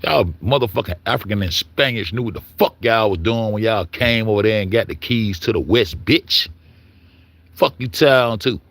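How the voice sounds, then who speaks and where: A man's voice: fairly low pitch, a little fast, hardly any pauses, fairly bright tone. A man delivering a heated, profane monologue, stumbling over words and repeating himself as he argues his point. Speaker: commentator. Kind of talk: ranting monologue.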